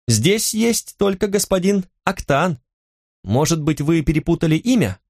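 A man's voice: fairly high pitch, sing-song, unhurried, darkish tone, no room sound, clean studio sound, pitched above the performer's own voice, full character voice. A man voicing a polite, eager twelve-year-old boy who works in a bakery, in a storybook reading. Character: shy helpful boy baker's apprentice, about twelve.

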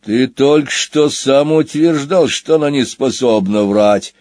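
A man voicing a gruff, menacing wolf gambler. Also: medium pitch, unhurried, darkish tone, dry recording, pitched above the performer's own voice, lightly acted. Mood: suspicious. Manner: menacing, blunt.

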